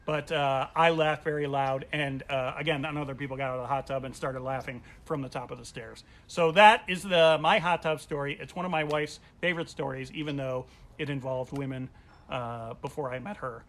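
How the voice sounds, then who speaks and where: A man's voice: mid-range voice, fairly quick. A male comedian telling a funny personal story at home, acting out the voices of the people in it. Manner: animated, acts out quoted voices. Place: at home during quarantine.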